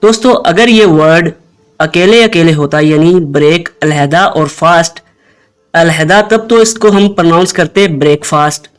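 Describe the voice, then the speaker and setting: Slow, patient male pronunciation teacher. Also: fairly high pitch, clear, resonant tone, soft background music. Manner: patient, repeats each word slowly for listeners to echo. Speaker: host and English pronunciation teacher. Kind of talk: scripted pronunciation lesson.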